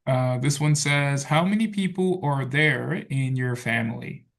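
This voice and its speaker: A man teaching an English class, talking in a relaxed way full of fillers like "so" and "okay". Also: medium pitch, measured pace, gravelly. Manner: relaxed, filler-heavy, says "so" and "okay" a lot. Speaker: English tutor. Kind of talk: online tutoring class.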